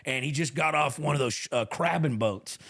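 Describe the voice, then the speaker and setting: A man's voice: a little high, moderate pace. A man hosting a casual comedy podcast, telling rowdy road stories full of swearing. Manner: profane, animated storyteller. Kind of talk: casual chat.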